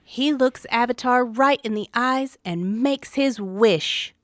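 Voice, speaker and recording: A woman's voice: on the high side, takes it slowly, no room sound, studio quality. A woman hosting a story show, reading a scripted narration of a tabletop adventure in a wry, dramatic way. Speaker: story podcast host.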